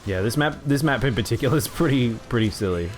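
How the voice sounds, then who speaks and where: A man's voice: mid-range voice, expressive, fast talker, soft background music. A man with a mild Australian accent, chatting casually while streaming a game. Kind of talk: casual gaming chat.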